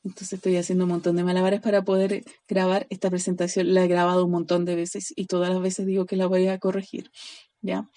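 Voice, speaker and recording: A woman teaching a recorded online class, patiently spelling out word endings and checking in with a quick "ya?" after nearly every line. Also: lowish voice, monotone, warm tone. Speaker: Greek teacher.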